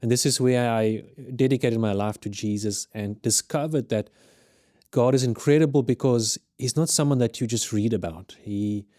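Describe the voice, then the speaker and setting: A ministry leader in his thirties, raised in Zimbabwe and speaking with a South African accent, appears as a guest on a studio podcast interview. He talks earnestly and in a measured way, often restarting his sentences. His medium-pitched voice is warm and the recording is dry.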